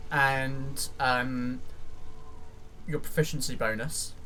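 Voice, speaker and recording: A man acting as game master, narrating and refereeing a tabletop roleplaying game in a halting way, rephrasing as he goes. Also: medium pitch, fairly even intonation, sharp tone, slight background noise, poor audio. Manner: halting, often rephrasing mid-sentence.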